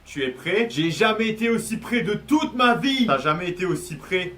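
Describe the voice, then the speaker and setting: A man's voice: high voice, lively intonation, moderate pace, noisy background. A man acting out short comedy sketches, playing every character and switching between voices. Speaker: comedy sketch creator voicing all parts.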